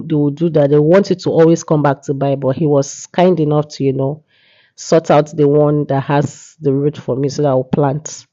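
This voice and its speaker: Narrating a market vlog casually, a Nigerian woman sounds congested from a cold. Her voice is low-pitched and dark, and the audio is dull. She keeps slipping in "yeah" and "you know."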